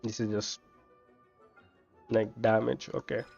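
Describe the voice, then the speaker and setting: Thinking out loud during play, this male streamer talks casually in a fairly low, gravelly, slightly mellow voice. His delivery is flat and slow. Game music sits behind a dull, lo-fi mic sound.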